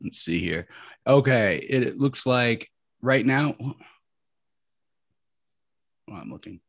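A man's voice: mid-range voice, animated, slow, gravelly. A man co-hosting a podcast, chatting casually and cursing freely. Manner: easygoing, profane, a bit rambling. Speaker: podcast co-host. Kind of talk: casual chat.

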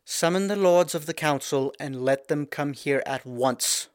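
A man's voice: a little high, measured pace, dry recording, clean studio sound, lightly acted. A man voicing a proud young queen in a storybook reading, speaking in a haughty, commanding way.

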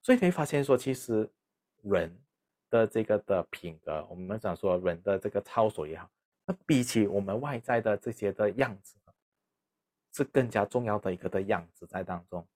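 A man's voice: fairly low pitch, lively intonation, moderate pace, darkish tone. Man, sermon, conversational preaching, frequent fillers.

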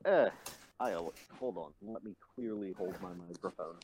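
A man's voice: sits low, darkish tone. A man chatting casually on a podcast, his voice muffled as if he were talking through a sock. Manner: slow, laid-back, swears casually. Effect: muffled mic, as if talking through a sock. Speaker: podcast co-host. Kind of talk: casual chat. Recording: muffled microphone with faint noise.

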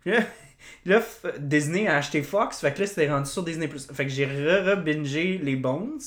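A woman with a Québécois French accent, co-hosting a casual podcast chat, animated and swearing, with lots of fillers and loud laughs. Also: sits low, normal speed. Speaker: podcast co-host. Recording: echoey room.

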